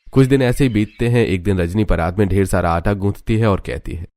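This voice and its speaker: A man with a fairly low voice reads a cartoon story aloud. His narration is steady and scripted throughout. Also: brisk, no echo.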